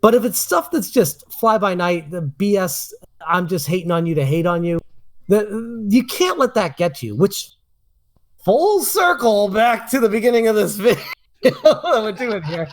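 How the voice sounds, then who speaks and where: A man's voice: high-pitched, big pitch swings, unhurried. A man hosting a podcast, giving casual commentary and emphatically repeating his points. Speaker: podcast host.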